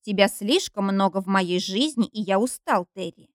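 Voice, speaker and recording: A woman's voice: medium pitch, expressive, normal speed, no echo, clean studio sound, lightly acted. A woman reading an audiobook, voicing a young man who speaks firmly and sounds fed up. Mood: firm, weary. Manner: firm, stern and tired.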